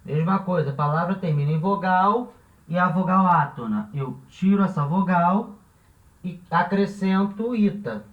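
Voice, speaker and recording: A high-voiced man gives a slow, patient language lesson, repeating his examples and stopping to check understanding. He stands some distance from the mic in an echoey room. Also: expressive, phone-quality sound. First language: Portuguese. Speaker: language teacher. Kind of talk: classroom-style lesson explanation.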